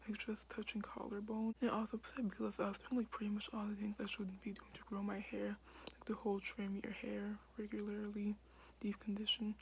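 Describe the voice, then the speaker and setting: A young woman vlogging in a hushed whisper late at night in a basement, filling her talk with "like" and "um". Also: medium pitch, slight background noise, poor audio. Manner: whispering quietly, many fillers like "like". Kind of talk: casual whispered vlog.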